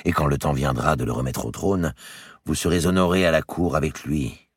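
A man's voice: very deep voice, moderate pace, slightly rough, no echo, clean studio sound, voice pushed up. A man reading the part of a noblewoman who firmly and insistently persuades a grieving girl. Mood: urgent coaxing. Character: noble older woman, firm, coaxing, protective. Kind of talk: audiobook character reading.

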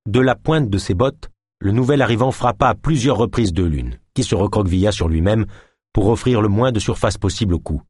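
A man narrating an audiobook in an expressive storytelling manner. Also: lowish voice, fairly quick, breathy edge, no echo, clean studio sound. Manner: expressive storytelling, voicing every character.

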